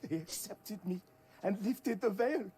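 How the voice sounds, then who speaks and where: An actor playing an unsettling male translator who blinded himself, speaking English with a French accent in a calm, measured way. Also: sits high, slight background noise. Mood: eerie calm. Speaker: game character. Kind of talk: video game voice acting.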